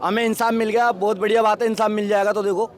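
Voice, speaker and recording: A man's voice: high voice, little pitch movement, fast talker. A man at a protest answering a reporter insistently, pressing his demands and talking over him. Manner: insistent, combative, addresses reporter as sir. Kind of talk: heated street interview. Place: outdoors at a protest crowd. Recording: loud crowd at a protest.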